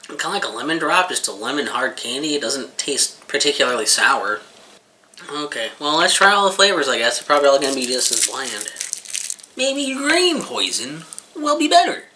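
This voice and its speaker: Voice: medium pitch, expressive, normal speed, long pauses, bright, forceful tone, a little hiss or hum, poor audio. A person giving a casual, rambling taste-test review, talking informally and swearing freely while eating.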